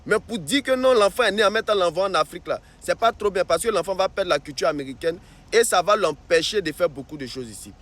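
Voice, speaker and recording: High-voiced man vlogging outdoors. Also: expressive, fast, fairly bright tone. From Africa. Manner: repetitive, restarts sentences, keeps saying "voilà". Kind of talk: casual advice vlog.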